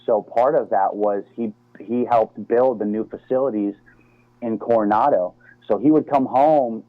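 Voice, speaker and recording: A middle-aged American man, a former Navy SEAL appearing as a guest, talks casually over the phone and calls the host "man" and "dude." His fairly low voice is unhurried, coming through a tinny, dry phone line with no room sound.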